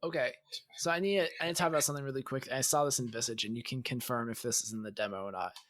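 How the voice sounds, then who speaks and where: A man's voice: medium pitch, fairly even intonation, very fast, a bit bright. A man co-hosting a gaming podcast, explaining game mechanics analytically in casual chat. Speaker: podcast co-host.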